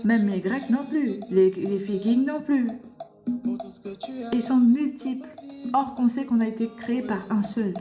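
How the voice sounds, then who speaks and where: Woman streamer, fervent preacher, mellow high voice, faint music behind. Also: unhurried, reverberant. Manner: fervent, scolding and rhetorical questions. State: tearful. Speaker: livestream host. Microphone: phone.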